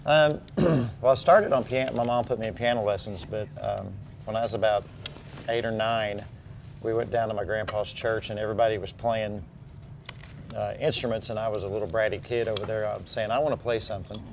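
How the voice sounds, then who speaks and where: Low-voiced man telling a band story. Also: steady tone, fairly quick, gravelly, slight background noise. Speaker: bass player, band member. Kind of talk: casual storytelling. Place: restaurant.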